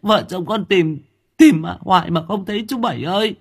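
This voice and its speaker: Casting: male narrator doing a wailing young market woman, high and choked, sobbing pleas in an audiobook. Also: normal speed, husky. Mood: sobbing, pleading. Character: distraught young village woman, market vegetable seller, sobbing.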